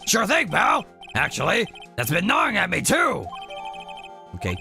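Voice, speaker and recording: A man doing an excitable loud cop. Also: high-pitched, a little slow, gravelly, soft background music, voice pushed up, heavily acted. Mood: eager. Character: eager, loyal male police detective.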